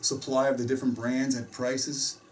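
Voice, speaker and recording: Recorded on a distant mic in a small indoor home theater room, with a little hiss or hum, a middle-aged American man talks as a host and audio reviewer. His mid-range voice stays level at a normal speed while he explains things casually and emphatically, voicing firm opinions.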